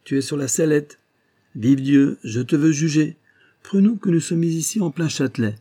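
A commanding, jovial prince holds forth in a lordly, exclamatory way, pitched well above a plain speaking voice and warm in tone, as a male reader puts him on. It comes from an audiobook of a classic tale. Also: moderate pace, natural voice. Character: jovial noble prince, commanding, playing judge. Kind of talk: audiobook reading.

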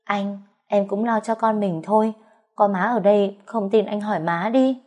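A woman's voice: mid-range voice, steady tone, normal speed, darkish tone, natural voice. A woman doing a haughty pregnant sister-in-law. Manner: whiny, put-upon, fake-sweet.

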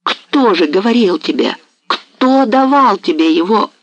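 Audiobook villain: brutal hoarse Cossack hetman, raised pitch, a male narrator playing him. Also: lively intonation, moderate pace, dry recording, highs cut off, faint music behind, exaggerated voice. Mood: enraged. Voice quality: hoarse, wild, raging. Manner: shouting threats, growling. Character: furious ruthless male Cossack hetman, older. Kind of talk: audiobook character reading.

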